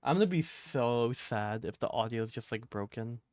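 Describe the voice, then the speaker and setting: A man's voice: mid-range voice, expressive, normal speed, darkish tone. A man streaming a horror game, chatting casually and rambling with lots of fillers. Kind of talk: casual gameplay commentary. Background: game music.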